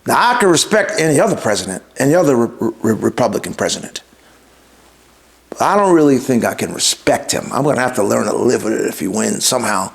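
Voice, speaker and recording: A man's voice: mid-range voice, sing-song, fast, gravelly. A man hosting his show, giving an emphatic opinion monologue, repeating himself for stress and firing rhetorical questions at his listeners. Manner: talks straight to the audience with rhetorical questions. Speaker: podcast host.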